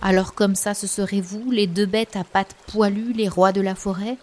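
A woman voicing the oldest, tallest tree of a forest in a children's storybook, speaking gravely and reproachfully. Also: medium pitch, little pitch movement, normal speed, a little mellow, close to an everyday voice. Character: ancient grave giant tree, solemn. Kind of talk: storybook voice acting.

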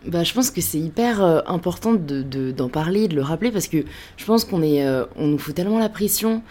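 A woman hosts a casual conversation with a fairly low voice. She speaks in a relaxed, reflective way while guiding her guest with questions. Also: fairly quick. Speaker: podcast host. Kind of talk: casual interview chat.

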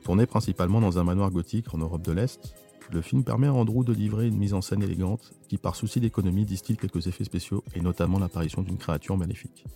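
A man hosting, reading a scripted narration in a brisk documentary manner. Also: deep voice, vocal fry, dark tone, soft background music. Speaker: podcast host.

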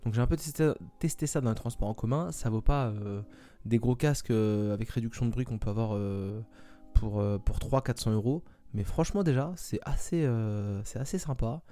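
Dark-voiced hesitant podcast host, man. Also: medium pitch, normal speed. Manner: hesitant, many fillers and restarts. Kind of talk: casual solo podcast.

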